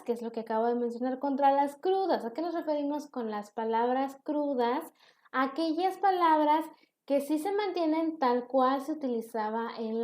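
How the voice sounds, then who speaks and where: A woman gives a recorded online lecture, high in pitch and mellow in tone. She asks her students questions and answers them herself. Her voice carries a noticeable room echo from the computer microphone. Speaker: teacher.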